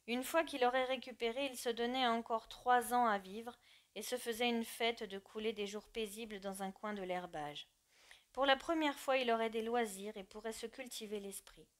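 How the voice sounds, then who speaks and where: A woman narrating an audiobook with an expressive and measured reading. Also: a little high.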